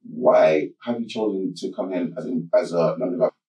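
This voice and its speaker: A man interviewing a guest, recapping points before asking measured questions. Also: low voice, warm tone, echoey room, recorded from a distance, rough recording.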